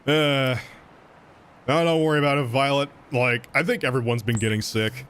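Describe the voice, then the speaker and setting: Casual gaming stream talk: a man reads donations, thanks the donors, and chats with viewers, laughing often and rambling with many fillers and restarts. His mid-range voice is fairly bright and clean. He keeps a moderate pace.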